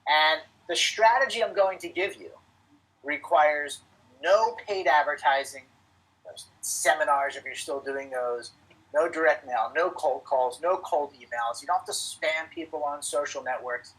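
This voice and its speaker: Husky man coaching a webinar. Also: fairly high pitch, measured pace, fairly bright tone, low-quality recording. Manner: emphatic, coaching, repeats key points. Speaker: webinar presenter for financial advisors. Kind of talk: live webinar presentation.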